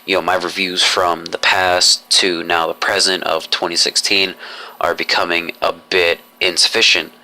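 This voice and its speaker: A young man rambles through a vlog update in stiff, formal, roundabout sentences, stopping and restarting often. His voice sits low and moves very little, but it has a hard, bright edge. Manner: formal, long-winded phrasing with many restarts. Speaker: YouTuber.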